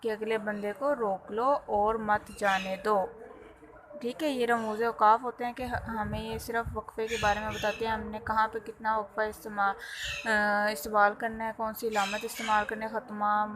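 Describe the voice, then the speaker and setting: A woman's voice: mid-range voice, flat delivery, background noise. A woman teacher explaining a lesson to her students, patient, repeating key terms and checking that they follow.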